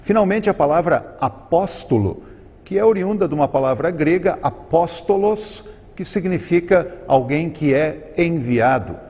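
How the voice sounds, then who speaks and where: A man with a Brazilian Portuguese accent teaching Greek in a recorded lesson, explaining terms slowly and carefully and drawing out each Greek word. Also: fairly high pitch, expressive, a little mellow, slightly rough. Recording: long reverb on the voice.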